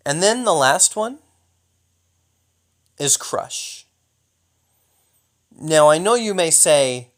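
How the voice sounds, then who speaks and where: A man's voice: on the high side, a bit bright. Jokey young man rambling over replays. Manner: jokey, hyped-up, mock-taunting. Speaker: gaming YouTuber.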